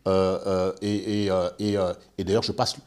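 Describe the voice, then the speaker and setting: A man born in France, a guest in a measured discussion, talking with many fillers and restarts. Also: low-pitched, level tone, a little mellow. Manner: hesitant, many fillers and repeated words.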